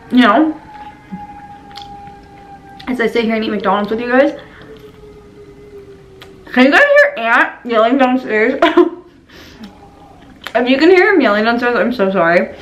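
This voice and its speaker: A woman's voice: a little high, a bit bright, slight background noise, poor audio. A young woman chatting casually to viewers while eating on camera, giggly and full of "like"s. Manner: chatty and giggly, with many "like"s and laughs. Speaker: mukbang vlogger. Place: home room while eating.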